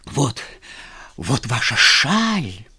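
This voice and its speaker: A man's voice: medium pitch, wildly swooping pitch, extremely slow, sharp tone, slightly rough, exaggerated voice. A man reading a story, voicing an impulsive young cadet who stammers and pleads breathlessly. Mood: desperate pleading.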